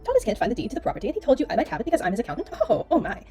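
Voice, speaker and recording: A woman doing an impression of a fussy, polite elderly woman from a game, talking quickly and a little flustered. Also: a little high, huge pitch swings, mellow, faint music behind, voice pushed up. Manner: quick, fluttering old-lady impression.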